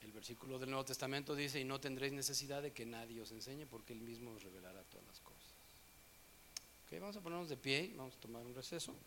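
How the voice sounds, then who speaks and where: A man preaching a sermon, telling stories with swings from hushed scripture reading to loud animated moments. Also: medium pitch, quick pace, noisy background.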